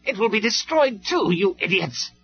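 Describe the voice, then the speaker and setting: Man voicing a shrill scheming robot traitor, loud and high, cassette story, dull lo-fi sound. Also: expressive, normal speed. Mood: panicked. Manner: shrill, stammering, shouting. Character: crafty, conceited male robot traitor.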